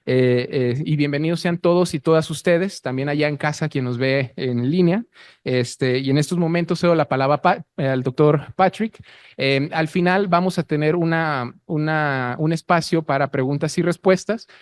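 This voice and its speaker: A man's voice: a little high, moderate pace, clear, resonant tone, no echo, clean studio sound. A man with a Mexican accent giving a formal introduction as event host, sometimes stumbling and correcting himself.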